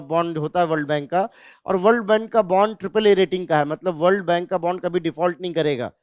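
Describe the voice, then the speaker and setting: A man teaching an exam revision class, posing questions and answering them, repeating key terms slowly. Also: sits high, a little mellow, smooth, no room sound, clean studio sound. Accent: Hindi. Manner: explanatory, asks and answers own questions.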